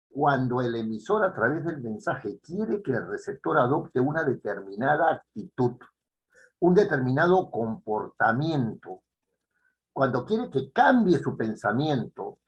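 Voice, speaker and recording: A man giving a classroom lecture, repeating key phrases and checking in with the students with quick tag questions. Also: medium pitch, lo-fi sound. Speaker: teacher.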